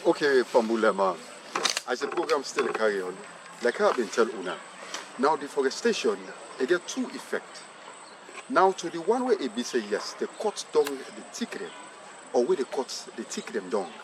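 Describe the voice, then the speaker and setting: A man's voice: medium pitch, big pitch swings, normal speed. A man with a Sierra Leonean accent hosting an educational program in an emphatic, repetitive way. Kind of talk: educational presenting, mixing Krio and English. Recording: clear outdoor traffic noise.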